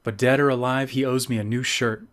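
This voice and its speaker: A man's voice: mid-range voice, fairly even intonation, brisk, a bit bright, close to an everyday voice. A man voicing a big, brash teenage boy in a novel reading, snappy and bossy.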